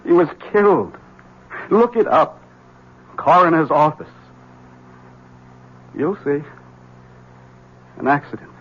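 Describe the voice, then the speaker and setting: This actor, heard through the muffled quality of a 1970s radio broadcast, voices a haunted man desperately warning his rival. He speaks slowly with frequent pauses in a husky, somewhat high voice, his intonation lively and his delivery heavily acted; the tension is urgent and breaks into bursts of agitation.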